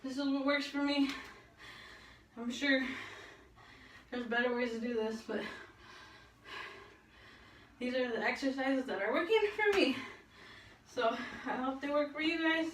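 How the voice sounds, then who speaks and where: A woman's voice: high voice, fairly bright tone, slight background noise. A woman fitness vlogger talking casually in a rambling, slangy way, breathless from exercise. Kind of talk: casual chatty workout vlog.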